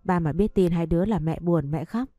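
A woman's voice: fairly low pitch, a little fast, dry recording, clean studio sound, soft background music, lightly acted. A woman voicing a tender, regretful young father. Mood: tearful. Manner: gentle, pleading instructions to family.

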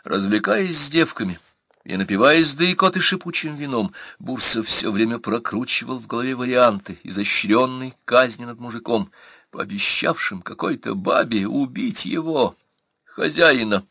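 Man, audiobook narrator, bright forceful tone, lowish pitch, dry close recording, acts out characters. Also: expressive, moderate pace, no room sound. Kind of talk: audiobook reading with character voices.

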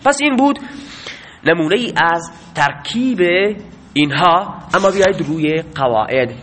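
A man's voice: on the high side, animated, fairly bright tone. A man teaching a grammar lesson, asking questions and answering them himself.

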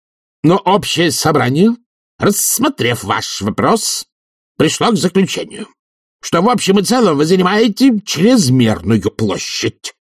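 A man's voice: on the high side, very animated, measured pace, slightly rough, no room sound, clean studio sound, pitched above the performer's own voice, heavily acted. A man voicing an indignant young male house-committee chairman who talks in a pompous, stiffly formal way.

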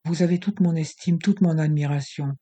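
A man voicing a courteous, composed gentleman in an audiobook, speaking with measured politeness. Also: a little high, fairly even intonation, natural voice. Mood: earnest. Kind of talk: audiobook character reading.

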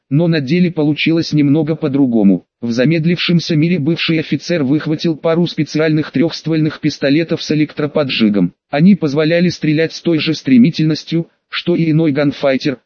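A man reading an audiobook in a measured, even scripted narration. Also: on the high side, no echo, muffled recording.

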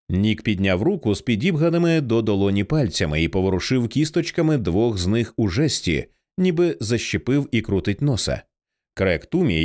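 A man reads a thriller audiobook aloud in a fairly low voice with wide, lively swings of pitch. His storytelling is measured and expressive, shaping each sentence. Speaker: audiobook narrator. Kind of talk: scripted narration.

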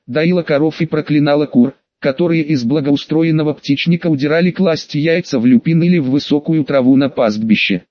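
A man reading an audiobook as a steady, even narrator. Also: fairly high pitch, no echo. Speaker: audiobook reader. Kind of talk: scripted narration. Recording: dull lo-fi recording.

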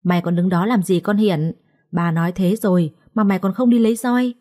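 A woman's voice: mid-range voice, fairly even intonation, a little fast, warm tone, natural voice. A woman storyteller voicing a spiteful, scheming elder daughter-in-law who talks down to others with sneering condescension.

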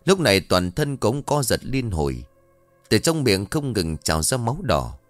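A man reads a ghost story aloud with dramatic expression, his voice on the low side and his pace moderate. The recording is dry, with faint music in the background.

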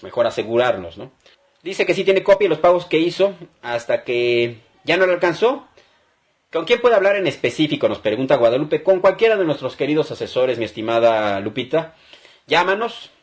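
Upbeat, encouraging Mexican man as call-in radio advice host, mid-pitched, repeats himself for emphasis. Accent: Mexican Spanish.

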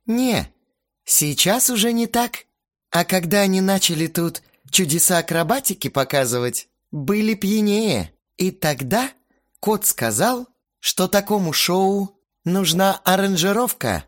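Male reader doing a giggly tipsy girl, raised voice, lively. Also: sits high, measured pace, voice pushed up. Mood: teasing. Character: tipsy teasing young woman.

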